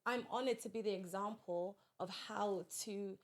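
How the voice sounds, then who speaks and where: A woman's voice: mid-range voice, steady tone, measured pace. A woman, a podcast guest, telling a personal story in a direct, earnest way in casual conversation.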